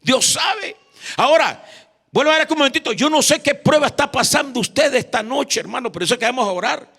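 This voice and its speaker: A Honduran man preaches in a church. His voice sits high and has a gravelly edge, and he keeps pulling the congregation in, asking them to repeat after him. He is bright and forceful. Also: lively intonation, fast talker. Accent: Honduran Spanish. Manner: repeats "hermano" constantly, calls for responses. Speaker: evangelist preacher. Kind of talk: sermon.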